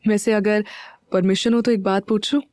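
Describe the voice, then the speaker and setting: A woman voicing a guarded young husband who talks softly and tenderly, in an audio story. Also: fairly even intonation, moderate pace, no echo, clean studio sound, natural voice. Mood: quiet tender. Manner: soft, low-key delivery.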